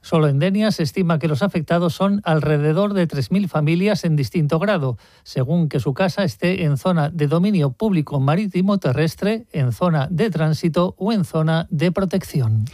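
Male reporter, formal scripted voice-over, slightly high voice, dry sound. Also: darkish tone, no echo. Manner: measured, formal report delivery. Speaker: news reporter.

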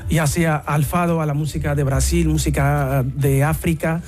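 A Portuguese man with a Portuguese accent, a musician guest speaking in a radio interview, often pausing to search for words. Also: fairly high pitch, fairly even intonation, a little mellow, faint music behind.

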